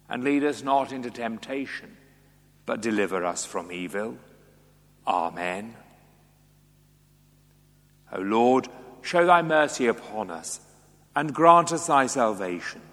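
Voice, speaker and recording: A man's voice: medium pitch, fairly bright tone. Man intoning prayers with cathedral echo. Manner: measured, solemn recitation. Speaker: church officiant.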